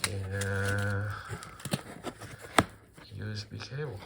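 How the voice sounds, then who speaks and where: A man's voice: fairly low pitch, steady tone, drawn-out words, gravelly, heavy background noise. A man with a Mexican accent casually unboxing and reviewing a microphone in his woodworking shop, rambling with dry self-mocking humor and many fillers. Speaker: woodworking channel host.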